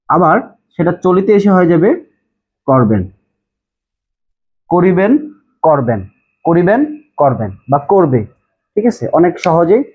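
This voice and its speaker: A man from Bangladesh teaching a class, explaining terms step by step, repeating key words and checking that students follow. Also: sits high. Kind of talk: classroom lecture. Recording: tinny phone-like audio.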